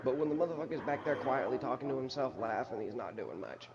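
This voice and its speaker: A man's voice: medium pitch, fast talker, heavy background noise. A young man streaming, ranting casually about school, swearing heavily and laughing often. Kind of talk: casual profane rant. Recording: dull lo-fi mic with loud music.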